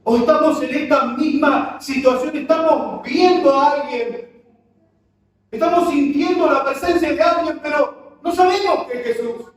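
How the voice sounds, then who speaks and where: A man's voice: very high voice, unhurried. A man preaching a sermon, impassioned and full of rhetorical questions to the congregation, recorded in a church. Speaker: pastor. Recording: very echoey church hall, mic far off.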